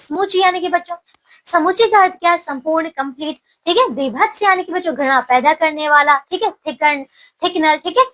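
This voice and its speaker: A woman's voice: high voice, pushed and bright, poor audio. A woman teacher explaining a textbook lesson to children, often checking they follow and glossing words in English.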